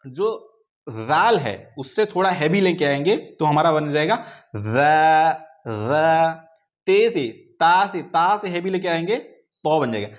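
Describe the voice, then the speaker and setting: A man's voice: fairly high pitch, expressive, unhurried. A male teacher giving a pronunciation lesson, patiently repeating each letter sound many times and stretching them out. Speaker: Quran recitation teacher. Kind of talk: slow pronunciation lesson with drawn-out repetitions.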